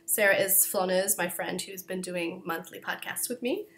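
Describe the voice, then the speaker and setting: A woman's voice: fairly low pitch, moderate pace, fairly bright tone, slight background noise. Coughing woman chatting about her knitting. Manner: chatty, self-deprecating, apologetic, with many fillers. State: coughing, throat-clearing. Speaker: knitting podcast host. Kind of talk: casual chat. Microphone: camera.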